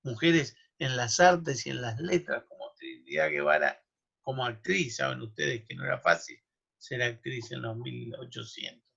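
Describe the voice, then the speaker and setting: A man's voice: mid-range voice, big pitch swings, moderate pace, creaky, fairly bright tone, slightly rough. A man giving a university law lecture, explaining history and running through lists of names and dates with asides to his students. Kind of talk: academic lecture. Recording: dull lo-fi recording.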